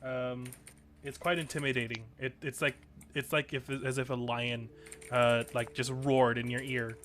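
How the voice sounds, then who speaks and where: A man narrating as dungeon master of a tabletop game, halting with many ums and restarts. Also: medium pitch, flat delivery, fairly bright tone, a little hiss or hum.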